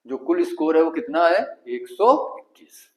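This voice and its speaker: A man with a fairly high pitch and lively intonation teaches exam-prep math at a moderate pace, heard on a rough recording. Speaking with a Kanpuri Hindi accent, he asks the class questions and then works out the answers himself step by step.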